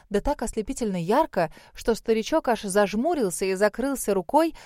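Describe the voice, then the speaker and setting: Female audiobook narrator, even steady read, mid pitch, dry booth sound. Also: no room sound. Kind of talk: first-person audiobook narration.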